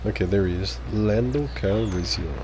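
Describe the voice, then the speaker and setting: A man whose first language is French streams live, chatting casually as he plays and providing gameplay commentary. His voice is on the low side and moves at a normal speed over a noisy background, and he reacts aloud to the game while muttering asides to viewers.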